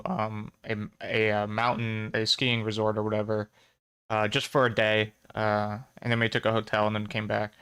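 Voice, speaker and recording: A young man with a clear, smooth voice tells a personal story on a podcast. He meanders with frequent ums and uhs. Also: lowish voice, a bit bright, no echo. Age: young adult. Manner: rambling with many ums and uhs. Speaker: podcast co-host. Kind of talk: casual storytelling.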